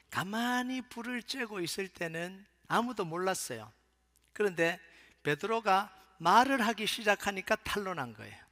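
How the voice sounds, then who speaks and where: A man's voice: fairly high pitch, big-room sound. Preaching man with a light Gyeongsang accent. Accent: light Gyeongsang Korean. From Gyeongsang Province, South Korea. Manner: dramatic storytelling, swings between loud and hushed. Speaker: pastor. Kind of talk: sermon. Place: church sanctuary.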